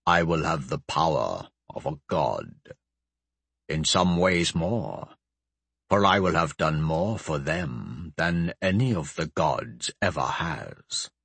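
An ancient undead sorcerer, with an extremely deep, husky voice. He speaks slowly and with commanding calm, cold and grandiose, in a dry, close audiobook sound. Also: no echo, exaggerated voice. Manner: slow, measured, commanding. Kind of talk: audiobook character voice.

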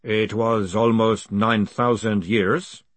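A man doing a slow, grave ancient golem. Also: lowish voice, no echo. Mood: solemn. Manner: slow, measured, flat and grave. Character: ancient solemn male clay golem messenger.

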